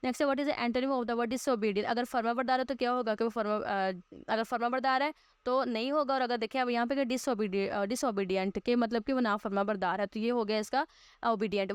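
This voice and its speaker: Woman, English teacher, slow reading then quick explaining, dry close sound. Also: on the high side, clear, resonant tone, dry recording. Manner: reads English lines slowly, then explains quickly with fillers. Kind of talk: explaining a school English lesson.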